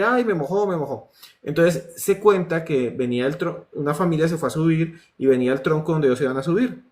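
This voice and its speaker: A man with a Colombian accent, a horror writer telling urban legends on a talk show and acting out the voices of the people in them. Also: a little high. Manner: animated storyteller acting out voices and screams.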